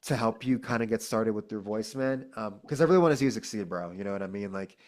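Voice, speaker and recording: A man's voice: on the low side, quick pace. A man teaching a casual one-on-one singing lesson, laid-back and encouraging, calling his student "dude" and "man". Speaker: vocal coach.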